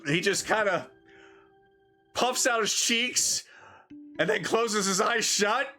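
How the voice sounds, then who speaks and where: A woman's voice: mid-range voice, slow pace, pushed and bright, faint music behind. A woman game master narrating an improvised tabletop story, describing what characters do.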